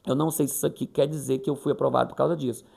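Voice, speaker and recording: A man's voice: mid-range voice, steady tone, rapid-fire, creaky, darkish tone, husky. A man from Brazil chatting casually in a vlog, retelling a conversation and acting out the quoted voices. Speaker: vlogger.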